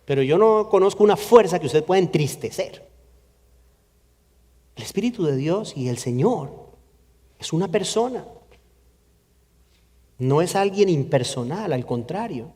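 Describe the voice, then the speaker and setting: A man's voice: a little high, lively intonation, measured pace, pauses often, mellow. A man preaching a sermon earnestly in a church, repeating phrases for emphasis. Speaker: pastor. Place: church sanctuary. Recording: long church reverb.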